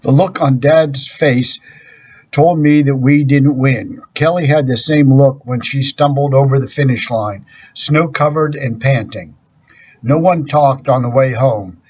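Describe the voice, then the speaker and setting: A man reads a children's story aloud at a steady, unhurried pace. His voice is husky and sits at an ordinary middle pitch. The recording sounds dull and lo-fi. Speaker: storybook reader.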